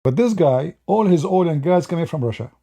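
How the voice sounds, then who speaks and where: With a voice on the high side, a little fast and marked by vocal fry, a man offers rambling political commentary that mocks as it goes. He speaks directly to viewers, mellow and relaxed, frequently restarting his sentences.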